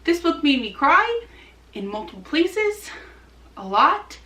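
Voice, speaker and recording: Speaking slowly with big pitch swings, this woman's high voice sounds pushed and bright as she enthusiastically and casually reviews books for her vlog. The mic sits at some distance from her in a roomy space.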